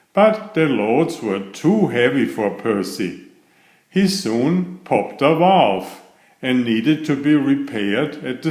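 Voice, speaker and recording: This is a storybook reader: a man with a mid-range voice reading a bedtime story meant for children. His delivery is slow-paced and expressive, and the sound echoes as if in a large room.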